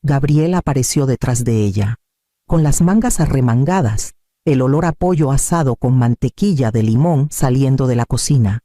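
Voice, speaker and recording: A man reading a scripted first-person family drama in a calm, measured storytelling manner. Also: mid-range voice, no echo, clean studio sound. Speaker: narrator.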